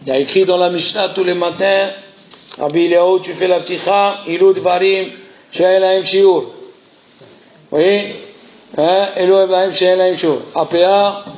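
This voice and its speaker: A man giving a Torah lesson as a rabbi, animated, repeating key phrases and weaving Hebrew terms into his French. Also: high voice, a little slow. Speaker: rabbi teaching a class. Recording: muffled lo-fi recording.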